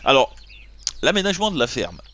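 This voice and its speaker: Jokey French gamer, lively voice. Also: male voice, medium pitch, a little fast. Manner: animated, jokey, swings between muttering and excited yelps. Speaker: gaming YouTuber. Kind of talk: let's play commentary.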